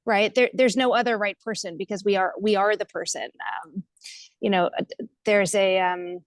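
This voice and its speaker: She's an American woman, a nonprofit leader, joining an online video call as a guest speaker. Her mid-range voice moves at normal speed with fairly even intonation, and she reflects in an informal, thoughtful, hesitant, self-deprecating way. There's no echo.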